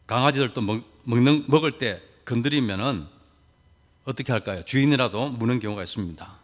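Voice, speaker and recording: A man's voice: medium pitch, a little fast, big-room sound. A man preaching a sermon to a congregation, asking rhetorical questions and adding folksy, humorous asides. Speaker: pastor.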